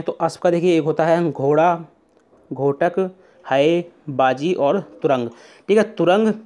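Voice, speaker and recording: A young man with a North Indian Hindi accent teaching an online exam revision class. He explains step by step, often checks in with "theek hai", and slows down to repeat key words and verses. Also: fairly high pitch, a little mellow.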